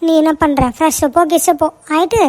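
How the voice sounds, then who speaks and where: A woman's voice: very high voice, steady tone, quick pace, darkish tone, no room sound. A woman voicing a middle-aged cartoon mother who scolds and complains about her household. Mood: sarcastic. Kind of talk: cartoon voice acting.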